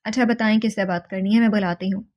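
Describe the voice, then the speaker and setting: A woman voicing a calm, businesslike hospital nurse who speaks directly but warmly. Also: on the high side, natural voice. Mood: firm. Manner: direct and warm.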